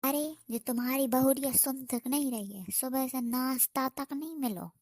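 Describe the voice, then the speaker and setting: Cartoon role: nagging old mother-in-law, high and scolding, dry and close, as a woman puts her on. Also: normal speed, a little mellow, no echo. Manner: scolding, suspicious, rustic speech.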